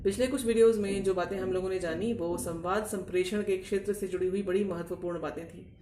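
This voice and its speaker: A woman's voice: medium pitch, fairly even intonation, fast, far from the mic, music in the background. A woman teaching English pronunciation in a video lecture, explaining patiently and asking back key words before repeating them. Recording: echoey room, voice off-mic.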